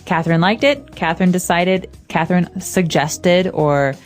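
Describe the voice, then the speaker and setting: A woman's voice: fairly low pitch, normal speed, faint music behind. A woman co-hosting an English lesson podcast, explaining words with many everyday examples. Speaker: co-host.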